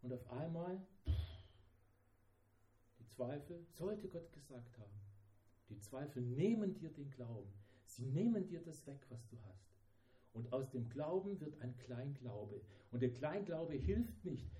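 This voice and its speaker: Dramatischer Prediger mit dunkler Stimme. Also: male voice, mid-range voice, very animated, unhurried, warm tone, roomy sound, low-quality recording. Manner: dramatic, acts out the disciples' voices. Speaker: preacher. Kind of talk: sermon.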